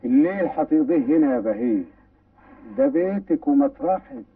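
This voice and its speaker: A pompous Egyptian village mayor. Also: male voice, fairly high pitch, very animated, normal speed, dry recording, heavily acted. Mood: coaxing. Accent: Egyptian Arabic. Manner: bossy and blustering, then smoothly coaxing. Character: pompous, sly village mayor, middle-aged man. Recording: tinny, distant old film soundtrack.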